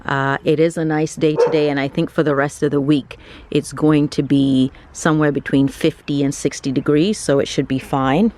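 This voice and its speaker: A woman's voice: low-pitched, fairly even intonation, moderate pace, a little mellow. A middle-aged woman narrating a casual vlog in a chatty, confiding way. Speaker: vlogger.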